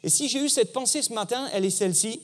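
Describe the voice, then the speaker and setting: A man preaching in church with a notably high voice. He speaks earnestly, leaning on storytelling to reach his listeners. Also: fast. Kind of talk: sermon.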